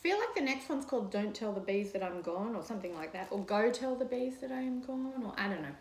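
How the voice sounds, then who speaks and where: A woman's voice: mid-range voice, lively intonation, quick pace. A woman in her thirties chatting casually and gushingly to camera while eating, chewing as she talks, in a living room. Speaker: mukbang vlogger. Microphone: camera across a coffee table. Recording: roomy echo.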